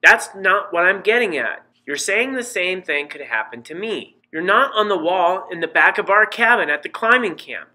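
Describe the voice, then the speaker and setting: A man's voice: high-pitched, expressive, moderate pace, few pauses, bright, forceful tone, pitched above the performer's own voice, exaggerated voice, rough recording. Man voicing a worried, insistent mother. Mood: anguished pleading. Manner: pleading, insistent. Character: worried, persistent mother, middle-aged woman.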